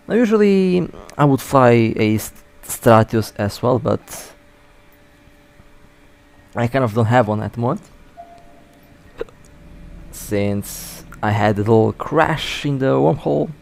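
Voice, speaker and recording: Guy with hiccups talking thru his space game run, gravelly voice, keeps restarting words. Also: medium pitch, a little mellow. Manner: casual, chatty, self-correcting. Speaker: mobile space game player. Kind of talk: live gameplay commentary.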